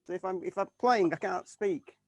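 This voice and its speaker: Halting man, slightly high voice. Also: dry recording. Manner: halting, many restarts and fillers. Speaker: keyboard player in a tribute band. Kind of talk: casual interview chat.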